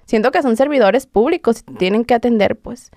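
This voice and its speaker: A woman's voice: on the high side, brisk, a little mellow, dry recording, clean studio sound. A young woman with a Mexican accent, a podcast guest telling her story casually with lots of fillers and acted-out quotes. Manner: conversational, heavy fillers, acts out quotes.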